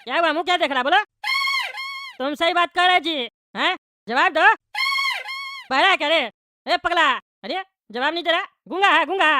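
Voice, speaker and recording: A woman voicing a loud, bossy, bald male small-town politician, scolding and firing off questions in a comic cartoon. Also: very high-pitched, moderate pace, pauses often, background noise.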